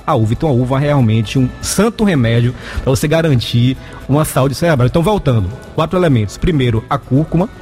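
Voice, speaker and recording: A man's voice: mid-range voice, darkish tone. A Brazilian man giving explanatory health advice as an expert guest, didactic and often checking in with short tags. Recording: echoey room, music behind. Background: music.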